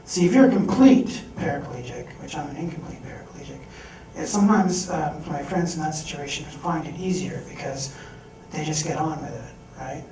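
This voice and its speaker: Recorded from a distance in an echoey event hall with an audience and a noisy background, a young man at a fundraising event voices the people in his candid personal story. He speaks a little high at normal speed.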